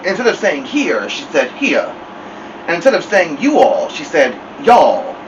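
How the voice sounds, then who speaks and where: A man reads a novel aloud for a story time, with animated, lively delivery. His voice sits somewhat raised. The mic is set back from him, and an air conditioner hums clearly behind. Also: a little high, a little fast, recorded from a distance, muffled recording, background noise. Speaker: storytime host.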